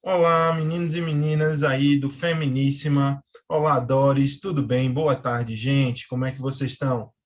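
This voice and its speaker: A man giving a quick English pronunciation tip on a TV show, upbeat and encouraging, repeating each word slowly for viewers. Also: a little high. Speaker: English teacher. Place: TV studio.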